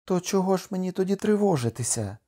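A man's voice: fairly high pitch, normal speed, dark tone, pitched above the performer's own voice, natural voice. A man reading an audiobook, voicing a loving, desperate young island wife with a raised, pleading delivery. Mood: determined.

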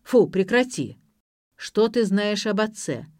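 A woman's voice: on the low side, big pitch swings, measured pace, darkish tone, no room sound, studio quality. A woman voicing a cold, demanding man speaking on the phone, curt and commanding.

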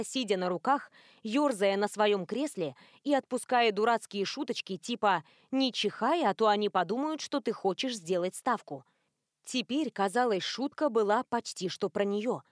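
A woman reading an audiobook as narrator in an even, clear storytelling manner. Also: medium pitch, dry recording, studio quality. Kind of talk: scripted narration.

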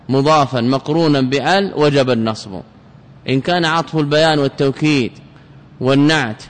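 A man teaching a classical grammar lesson, explaining step by step, often repeating phrases and reciting quoted lines slowly. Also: mid-range voice. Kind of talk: classical lecture explaining a text. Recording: long reverb of a large hall.

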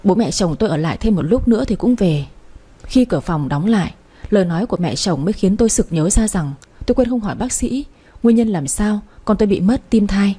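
Woman reading an audiobook romance, warm breathy voice, same voice for everyone. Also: medium pitch, brisk. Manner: reads every character in the same steady voice. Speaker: narrator.

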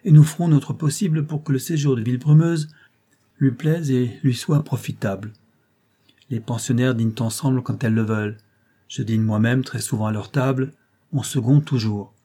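A man's voice: medium pitch, warm tone, lightly acted. A man reading an audiobook, voicing a fussy, eager middle-aged asylum director who talks in an obliging, chatty way.

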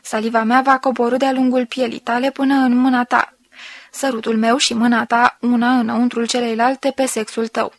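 A woman voicing a sensual woman who slowly and softly reads out an intimate love letter. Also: on the high side, flat delivery, dry recording. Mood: intimate, tender. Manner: slow, soft, intimate reading.

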